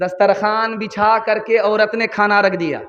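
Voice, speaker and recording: A man preaching an impassioned sermon at a religious gathering, his voice rising to shouts at its peaks. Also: high-pitched, steady tone. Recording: dull reverberant public-address recording.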